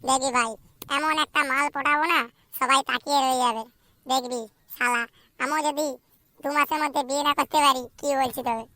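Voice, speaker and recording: A woman's voice: high-pitched, steady tone, bright, forceful tone, no room sound. A woman voicing a whiny, crude young unmarried man in a cartoon, chattering and complaining. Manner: fast complaining chatter, full of swearing. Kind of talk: cartoon voice acting.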